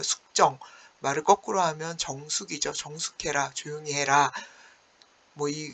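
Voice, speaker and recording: A male teacher giving an online class lecture, retelling a story with animated exclamations. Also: a little high.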